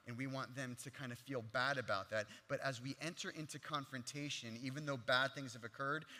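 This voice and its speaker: A male pastor preaching in an earnest, plain-spoken conversational style, animated and sprinkled with casual fillers. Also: mid-range voice. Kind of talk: conversational sermon. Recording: long reverb of a large hall.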